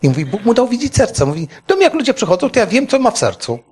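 A middle-aged male preacher shares a heartfelt testimony in a sermon. His voice sits a little high and swings widely in pitch as he tells the story with animated emotion. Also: fast talker, slightly rough.

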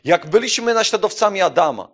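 A man preaching a sermon who moves between quiet, conversational asides and loud, emphatic declarations, often putting questions to his listeners. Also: high voice, animated, fairly quick.

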